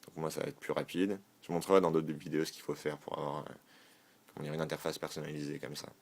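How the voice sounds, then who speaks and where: A man with a very low voice talks through a phone tutorial in a loose, casual way. He hesitates often and corrects himself as he goes. He is recorded on a phone. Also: level tone, quick pace, creaky, darkish tone, slight background noise. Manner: informal, hesitant, many fillers and self-corrections. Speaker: tech tutorial host. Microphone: filmed on a phone.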